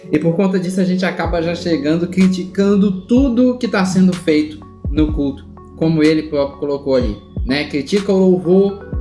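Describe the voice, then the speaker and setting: A host calmly reflecting on a sermon in a conversational tone. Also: medium pitch, echoey room. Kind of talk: reflective commentary.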